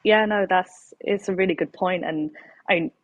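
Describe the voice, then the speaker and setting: A woman's voice: on the low side, moderate pace, no echo, narrow, tinny audio. A young woman talks casually in a discussion, thoughtful and hesitant, often rephrasing as she goes.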